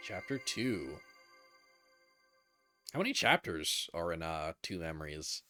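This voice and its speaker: A man's voice: deep voice, slow pace, faint music behind. A man giving casual, joking commentary as he plays a video game. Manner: animated, joking.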